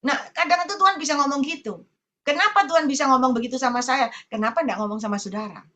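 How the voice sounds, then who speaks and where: A woman's voice: high voice, quick pace, fairly bright tone. A woman evangelist preaching a sermon to an online meeting, colloquial and repetitive, stressing points by saying them again.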